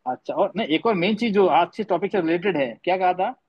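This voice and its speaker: Male tajweed teacher, high voice, patient and repetitive, dull lo-fi class audio. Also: expressive, a little fast, crowd noise. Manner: patient, repeats points, quizzes students; mixes English words into speech. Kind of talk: online class lecture. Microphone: online class audio.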